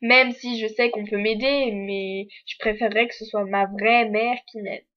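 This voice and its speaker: Frank young woman from France, higher voice. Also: steady tone, normal speed, dull audio. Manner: candid, frank, with hesitant fillers. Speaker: vlogger. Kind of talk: casual personal vlog.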